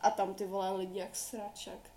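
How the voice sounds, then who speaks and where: This young woman rambles through a relaxed podcast chat, slangy and quick to giggle. Her talk is loose and friendly. A faint ambient hum sits under the recording. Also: mid-range voice. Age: young adult. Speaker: podcast co-host. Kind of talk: casual chat.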